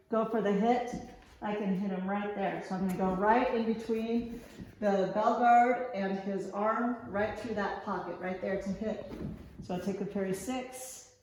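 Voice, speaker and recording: Explaining fencing moves step by step, a woman keeps things informal and checks in with "okay" as she goes. Her mid-range voice is a little mellow, and the very echoey large room carries slight background noise.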